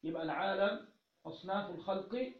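A man's voice: high-pitched, fairly quick. Egyptian teacher guy explaining a classical text, asks and answers his own questions, echoey muffled recording. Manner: asks questions then answers them, repeats key phrases. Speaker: teacher of Islamic jurisprudence. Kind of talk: religious lesson, explaining a text. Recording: roomy, dull lo-fi recording.

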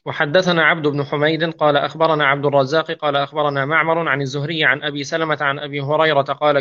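A man reading hadith narrations aloud in a steady, measured recitation, sometimes restarting a word. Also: on the high side, highs cut off.

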